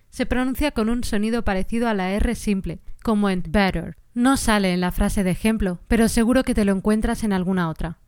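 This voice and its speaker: Smooth-voiced woman teaching singing. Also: mid-range voice, dry recording, studio quality. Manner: clear explanatory teaching tone. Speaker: podcast host and singing teacher. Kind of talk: podcast lesson.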